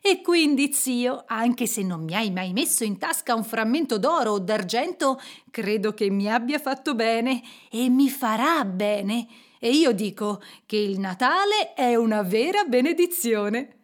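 A woman's voice: fairly high pitch, expressive, measured pace. A woman voicing a cheerful young man full of good humour. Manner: bright, jovial.

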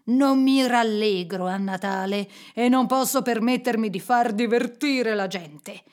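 Casting: cranky stingy old man, sharp and scornful, read by a woman. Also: fairly high pitch, measured pace, natural voice. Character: miserly grumpy old man Scrooge.

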